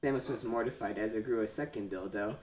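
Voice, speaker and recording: A man's voice: lowish voice, fast talker, darkish tone, roomy sound, faint music behind. A man hosting a show, giving a casual comedic reading and laughing often as he goes. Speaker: host reading fan fiction aloud.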